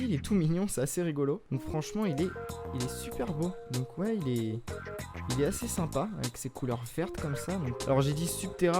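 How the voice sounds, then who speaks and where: A man hosting a casual unboxing video at home, chatty and often hesitating with fillers. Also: a little high. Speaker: YouTube host. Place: home set in front of a green screen.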